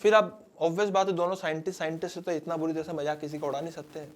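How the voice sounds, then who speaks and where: Animated male physics teacher, slightly high. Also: fast. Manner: animated, dramatic storyteller who addresses students directly. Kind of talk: storytelling physics lesson.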